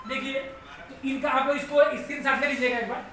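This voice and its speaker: Speaking fast in an extremely high, level, fairly bright voice, a man leads a live online grammar class. He goes over each step again with patience and frequently checks his students are keeping up. His voice is far from the mic in a very echoey room, with faint noise behind him.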